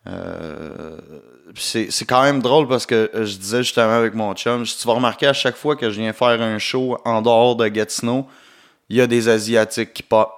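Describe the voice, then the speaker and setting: A young man with a strong Québécois accent talks through his own podcast in a loose, rambling way. He jokes around, says "euh" a lot and drops English words between his French phrases. His voice sits at an ordinary middle pitch. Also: normal speed. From Quebec. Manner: rambling and joking, lots of filler, mixes in English words. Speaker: podcast host and comedian. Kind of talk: casual solo podcast monologue.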